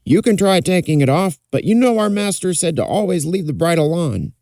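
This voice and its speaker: A man's voice: high-pitched, expressive, a little fast, dark tone, no echo, studio quality, voice pushed up. A man voicing an earnest, hesitant young stable hand in a fireside folktale. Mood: earnest, unsure.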